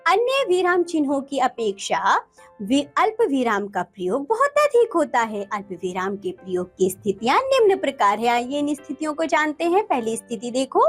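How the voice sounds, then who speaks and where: A woman's voice: high voice, very animated, normal speed, faint music behind. A woman teacher explaining a textbook lesson to children, addressing them directly and reading examples aloud with emphasis.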